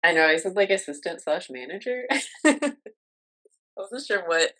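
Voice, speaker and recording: A woman's voice: lowish voice, big pitch swings, normal speed, sharp tone. A woman co-hosting a casual podcast film recap, peppering her talk with "like" and frequent laughs. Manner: says "like" constantly, laughs often, quotes characters. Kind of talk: casual chat.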